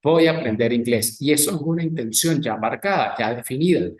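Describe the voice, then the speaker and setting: Male teacher, mid-pitched, slow deliberate drilling of vocabulary, recorded in a roomy, echoey space. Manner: slow, careful pronunciation drills alternating English and Spanish. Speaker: English teacher. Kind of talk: recorded lecture with slides.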